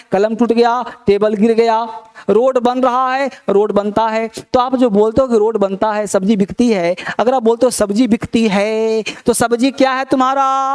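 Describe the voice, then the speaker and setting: A man's voice: very high-pitched, smooth. A man teaching English grammar in a live online class, reassuring his students, repeating his points and quizzing them.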